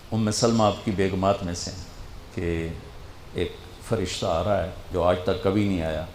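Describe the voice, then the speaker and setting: A man delivers a sermon as heartfelt storytelling, rising to loud passages and dropping to near hushes. His voice sits low, and it echoes around a roomy space over a faint hiss of background noise. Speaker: preacher.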